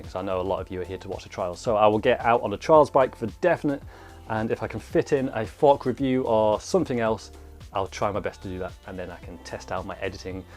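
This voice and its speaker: This vlogger and trials mountain biker talks to his audience in a relaxed, chatty way, his voice on the low side and a little mellow. There's a slight thickness to his speech, like his mouth is swollen inside.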